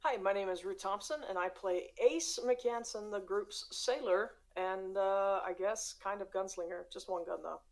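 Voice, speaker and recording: A woman with a medium-pitched voice gives announcements as one of the players. She sounds casual and unscripted. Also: normal speed, hardly any pauses.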